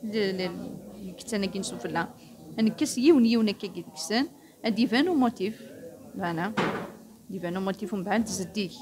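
Quick woman explaining embroidery. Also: mid-range voice. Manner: explanatory, mixes French. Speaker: embroidery exhibitor. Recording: crowd noise behind.

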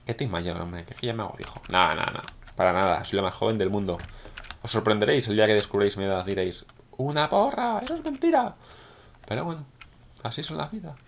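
A man from with a hoarse voice, chatting excitedly to viewers while commentating his own gameplay. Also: on the low side, fast talker, slight background noise. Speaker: gaming YouTuber.

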